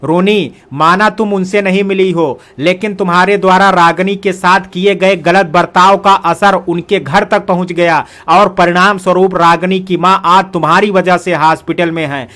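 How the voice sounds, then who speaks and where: A man's voice: sits high, steady tone, normal speed, few pauses, a bit bright. A man reading the lines of a young adult brother who is stern but patient and earnest when he scolds. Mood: angry.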